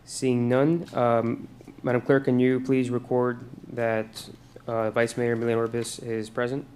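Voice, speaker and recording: A man's voice: medium pitch, level tone, a little slow, a little mellow. A man speaking as a mayor chairing a formal public meeting, heard over a meeting room microphone. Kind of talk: formal meeting procedure and remarks. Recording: meeting room mic with clear background noise.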